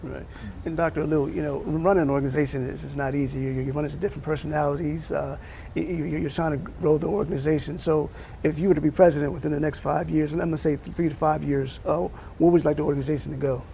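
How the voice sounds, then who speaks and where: A man hosting a TV interview show talks quickly in a gravelly, mellow voice, brisk and with repeated words. His voice sits fairly high for a man, over faint noise. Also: fairly even intonation. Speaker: TV host.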